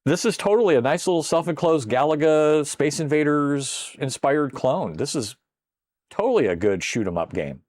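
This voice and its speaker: A man's voice: on the high side, lively intonation, moderate pace, a little mellow, no echo. An older man casually commenting while playing a retro computer game on a live stream, chatting with viewers and exclaiming at close calls.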